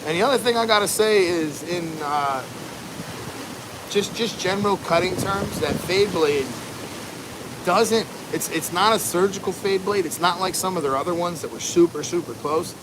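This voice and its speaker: An American man livestreaming casually outdoors, talking in a laid-back, rambling, slangy way over wind. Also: high voice. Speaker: livestream host, barber. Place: outdoors at home during a windy storm. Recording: noisy outdoors, loud wind and ambience. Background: wind and rushing water ambience.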